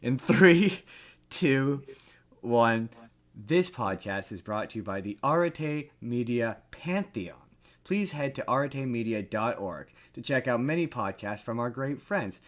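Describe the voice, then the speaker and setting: A podcast host chats casually and comedically about pop culture, talking animatedly and repeating phrases for comic emphasis. His mid-range voice is expressive and a little slow.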